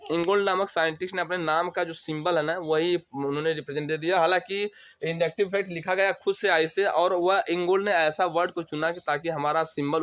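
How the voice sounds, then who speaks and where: A man's voice: on the high side, fairly bright tone. A man teaching chemistry to students. He explains step by step, keeps asking questions and then answers them himself. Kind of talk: classroom lecture.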